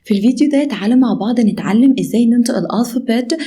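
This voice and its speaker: A woman with an Egyptian Arabic accent teaching English letter pronunciation, slowly demonstrating each sound and often asking "okay?". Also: a little high, mellow, slight background noise. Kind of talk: online pronunciation lesson.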